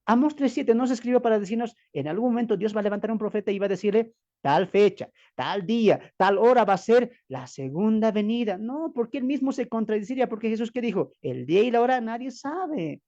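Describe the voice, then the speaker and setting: A man's voice: high voice, expressive, fairly quick, darkish tone, dull audio. A man from Bolivia teaching from the Bible as a preacher, emphatic and full of rhetorical questions, calling listeners beloved brothers.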